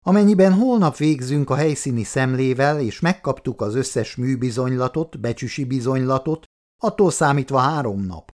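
A man reading an audiobook, voicing a brisk, confident male insurance agent in a slightly raised voice. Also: mid-range voice, darkish tone, pitched above the performer's own voice, close to an everyday voice. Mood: polite.

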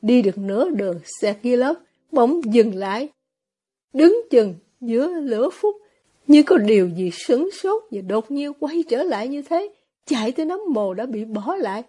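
A woman reads a novel aloud in a steady, scripted storytelling manner. Her voice sits high and has a husky, breathy edge. The delivery stays even and measured as she narrates. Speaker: audiobook narrator.

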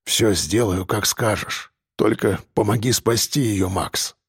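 Brief: man doing a hoarse, gravelly wounded brawler, low and muttered, audiobook. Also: expressive, slow, no echo, studio quality, exaggerated voice. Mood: pleading. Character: hoarse stubborn young male fighter, wounded.

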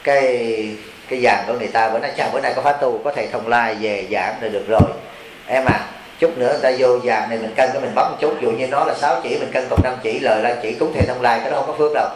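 A man's voice: mid-range voice, very fast. A man, a Buddhist monk, gives a folksy sermon to a retreat and keeps asking his listeners questions. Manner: folksy, teasing, asks the audience questions. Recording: roomy hall with faint hiss.

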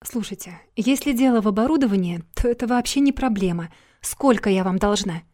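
A woman's voice: mid-range voice, lively intonation, brisk, warm tone, no echo, studio quality, lightly acted. A woman reading as a defiant rich young woman. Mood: impatient. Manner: indignant, brusque.

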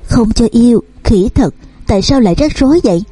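A woman narrating a romance novel and reading every character's lines in her own voice, over soft background music. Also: on the high side, animated, brisk, slightly rough, no echo. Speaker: audiobook narrator. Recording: dry close recording with soft music underneath.

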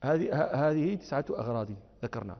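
A man teaching a lecture class. He recites verses softly, then explains them with rising emphasis and quick rhetorical checks. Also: medium pitch, lively intonation. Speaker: Islamic scholar teaching. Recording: dull lo-fi audio with long hall reverb.

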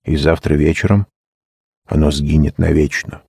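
A man voicing a gentle, cunning old male lord who talks in a mild, measured, persuasive way. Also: rumbling low, creaky, husky, dry recording, studio quality, heavily acted.

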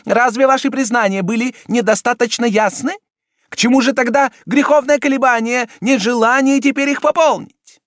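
A man voicing a wrathful, scheming elderly Italian cardinal who shouts and hectors. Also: extremely high pitch, fairly even intonation, normal speed, no room sound, clean studio sound, pitched above the performer's own voice. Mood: insistent.

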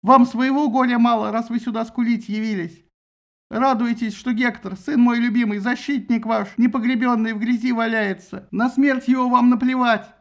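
A man playing a shrill, shouting old king. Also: fairly quick, vocal fry, highs cut off. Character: old grieving king, grumpy and hysterical.

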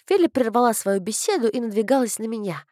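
A woman's voice: a little high, lively intonation, quick pace, mellow, no room sound, studio quality. A woman narrating an audiobook in the first person with a wry, ironic delivery.

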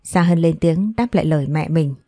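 Woman reading a story out loud, low mellow voice, even and measured, dry close sound. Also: dry recording. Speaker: narrator. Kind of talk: scripted story narration.

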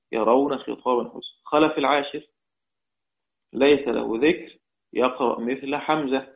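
A man with an Egyptian accent teaching a lesson on Quranic readings, explaining step by step, putting questions to his class and repeating key phrases. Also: mid-range voice. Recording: tinny phone-like audio.

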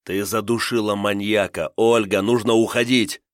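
A man's voice: on the low side, steady tone, moderate pace, dry recording, studio quality, natural voice. A man voicing an anxious young male prisoner who calls out urgently.

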